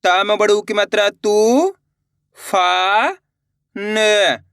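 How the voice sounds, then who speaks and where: A man's voice: high-pitched, little pitch movement, very slow, pushed and bright, clean tone, dry recording, clean studio sound. A man teaching a reading lesson, sounding out each word syllable by syllable and stretching the long vowels, talking to viewers in an encouraging way. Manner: addresses viewers as friends, encouraging.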